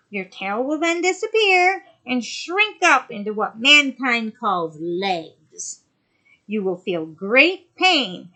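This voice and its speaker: A woman voicing a shrill gloating sea witch. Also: exaggerated voice. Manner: loud, high and gloating. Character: cruel mocking old female sea witch.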